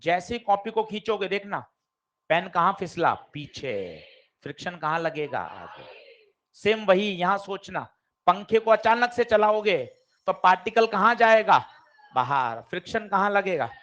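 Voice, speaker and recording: A man teaching a physics class, lively and quizzing his students directly. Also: sits high, measured pace. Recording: dull lo-fi classroom recording.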